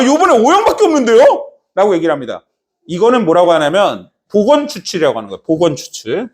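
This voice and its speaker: A man teaching a math class, lively and chatty, acting out little scenes and often asking if students follow. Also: high voice. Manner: lively, acts out little scenes and keeps checking understanding. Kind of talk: classroom lecture.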